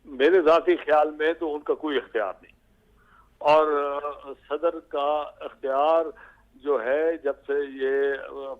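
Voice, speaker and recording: A man speaking as a political guest on a talk show, halting and full of filler sounds. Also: on the high side, steady tone, narrow, tinny audio.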